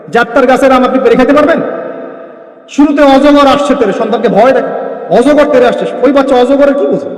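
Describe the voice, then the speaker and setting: A man preaching a sermon, firing rhetorical questions at his listeners. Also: very high-pitched. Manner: emphatic, rhetorical questions to the crowd. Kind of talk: Bengali Islamic sermon. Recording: echoey hall.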